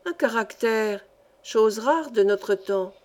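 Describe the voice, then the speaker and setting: A greedy old peddler man wheedles and fawns in an insistent sing-song, as a woman reading a story puts him on, with a voice pitched a little high. The coaxing never lets up. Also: measured pace, lightly acted. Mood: fawning.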